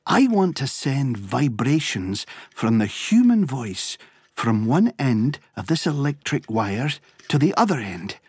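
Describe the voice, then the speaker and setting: An earnest young male inventor speaks in an unhurried, husky cartoon voice. His pitch rises and falls a lot. The recording is dry and close. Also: big pitch swings, dry recording, exaggerated voice. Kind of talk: dubbed cartoon acting.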